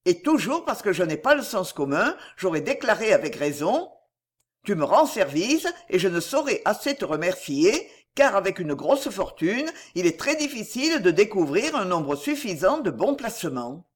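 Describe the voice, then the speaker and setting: Relaxed, teasing well-off gentleman read by a narrator, storybook audiobook. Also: mid-range voice, moderate pace. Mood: calm. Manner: calm, easygoing. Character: wealthy whimsical gentleman, calm and teasing. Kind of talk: audiobook reading.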